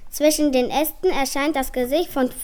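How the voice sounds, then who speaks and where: A woman reading a children's story aloud with lively, clear storybook delivery. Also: sits high, normal speed.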